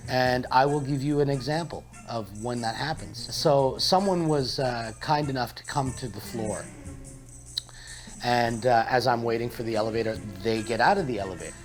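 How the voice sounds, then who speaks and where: Young guy spinning a goofy story, playful and over the top, mid pitch, some music behind. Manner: animated, playful, mock-dramatic. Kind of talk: comedic storytelling monologue.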